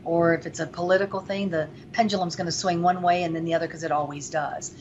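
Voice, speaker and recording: A woman's voice: lowish voice, steady tone, fast, darkish tone, slight background noise. A woman from Venezuela, a guest on an interview show, talking earnestly and reflectively, on dull lo-fi audio. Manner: earnest, faith-driven, reflective. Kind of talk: interview talk. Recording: dull lo-fi audio with faint ambience.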